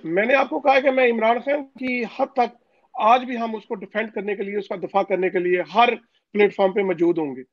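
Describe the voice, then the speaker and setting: A high-pitched man from Pakistan talks over a phone call line as an interview guest. His voice comes through muffled and completely dry, with no room around it. He presses his points insistently, with frequent hesitant fillers. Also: fairly even intonation, normal speed, dry recording. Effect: voice heard over a phone call line. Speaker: interview guest, overseas community leader. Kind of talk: political interview.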